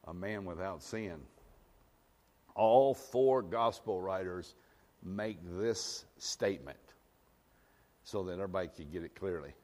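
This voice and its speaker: A male pastor delivering a sermon, repeating phrases and swinging between hushed and loud, sometimes joking with the congregation. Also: low voice, measured pace, long pauses. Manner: jokes with the congregation. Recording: long hall reverb.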